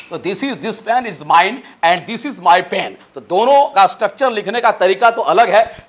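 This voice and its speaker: High-voiced Indian man teaching English. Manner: spells words letter by letter, slow drawn-out English examples; lecturing, exhorting students to memorize. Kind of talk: spoken English lesson in Hindi.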